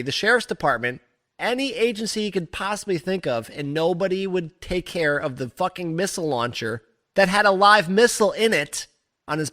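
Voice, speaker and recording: A man's voice: on the high side, fairly bright tone. A man co-hosting a live comedy stream, rambling and chuckling as he reads odd news aloud. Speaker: podcast co-host. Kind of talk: casual live-stream chat.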